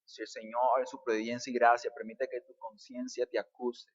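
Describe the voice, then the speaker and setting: A man's voice: medium pitch, little pitch movement, normal speed, breathy edge, in a large hall, dull audio. A male pastor preaching a fervent sermon, asking rhetorical questions and calling his listeners brother. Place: church.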